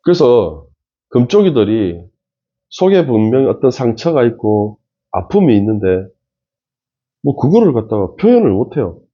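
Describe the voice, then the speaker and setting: A man's voice: mid-range voice, very animated, moderate pace, lo-fi sound. A man giving casual commentary on a TV show, emphatic and talking straight to viewers. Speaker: face-reading commentator.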